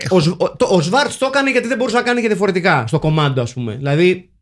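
A man in his forties whose voice sits on the high side, talking through a film with his co-hosts. He jokes in a dry, unhurried way. His pauses stretch out before the next point lands. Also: animated. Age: 40s. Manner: dry, joking, drawn-out hesitations. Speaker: podcast co-host. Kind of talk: casual film chat.

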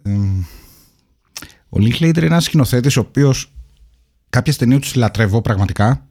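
A man, co-hosting a podcast, chatting casually about films in a relaxed way with hesitant fillers. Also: mid-range voice, slightly rough. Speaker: podcast co-host. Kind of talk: casual film chat.

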